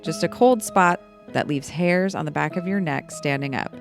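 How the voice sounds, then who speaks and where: Woman, middle-aged, podcast host, playful jokey storyteller, low pitch, gravelly. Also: normal speed, over music. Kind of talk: casual storytelling chat.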